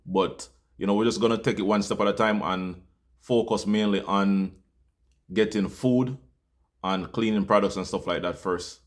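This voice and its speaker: Jamaican male host, low-pitched, earnest appeal, casual with fillers. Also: steady tone, normal speed. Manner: heartfelt, loose with fillers. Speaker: channel host.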